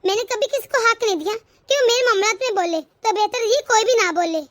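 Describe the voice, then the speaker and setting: A woman voicing a sharp-tongued young daughter-in-law in a cartoon family drama, arguing indignantly. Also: extremely high pitch, a little fast, no echo, clean studio sound. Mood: defiant. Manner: argumentative, indignant. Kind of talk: cartoon voice acting.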